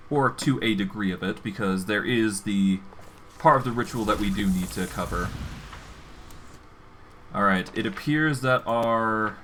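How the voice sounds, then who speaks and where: A man's voice: lowish voice, unhurried, long pauses, fairly bright tone, a little hiss or hum. A man streaming a game, casually narrating his own moves as he goes. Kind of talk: casual live gameplay commentary.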